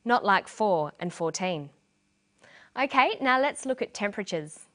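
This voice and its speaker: A woman reads a scripted English lesson. She speaks slowly and clearly, stressing key syllables so learners can follow. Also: mid-range voice, expressive, fairly bright tone. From Australia. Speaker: English teacher. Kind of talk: scripted language lesson narration.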